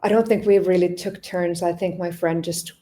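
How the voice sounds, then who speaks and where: On a podcast, a Finnish long-distance cyclist with a lowish voice describes her travels at an easy, normal pace in relaxed interview chat. She's thoughtful and hesitant, frequently stopping and restarting as she hunts for words, with slight background noise behind her.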